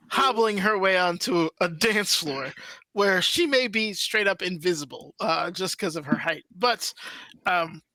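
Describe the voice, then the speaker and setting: A woman's voice: medium pitch, bright, forceful tone, no echo, poor audio. A woman narrating as game master in a casual, laughing way, swearing freely. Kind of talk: narrating a live-streamed tabletop game.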